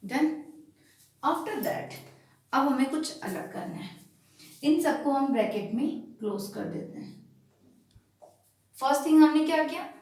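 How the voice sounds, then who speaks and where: A woman teaching a class in a high, deliberate voice. She checks often that the class follows, then answers her own questions. The sound is distant and echoey, as if from across a bare room. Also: expressive, a little mellow. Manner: asks checking questions and answers them herself; slow and emphatic when spelling out digits. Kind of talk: classroom lesson on binary numbers. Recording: echoey room, far from the mic.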